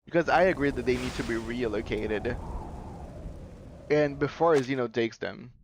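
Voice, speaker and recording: A man's voice: mid-range voice, moderate pace, noisy background. A man streaming a game, reading its story narration aloud and adding casual reactions. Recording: dull lo-fi mic over music. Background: game music.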